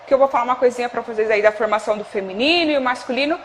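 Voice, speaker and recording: High-voiced Brazilian woman teaching a class. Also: very fast, a little hiss or hum. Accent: Brazilian Portuguese. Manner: checks in often with "tá?" and "ok?"; gives cues to a producer off-camera. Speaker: Spanish teacher. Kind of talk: televised classroom explanation.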